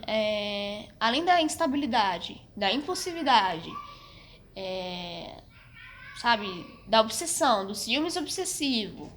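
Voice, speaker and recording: A woman's voice: a little high, a bit bright, slight background noise. A young woman with a Brazilian Portuguese accent talking frankly to camera, hesitant and full of restarts, with a slight cough. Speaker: vlogger. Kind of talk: casual personal storytelling to camera.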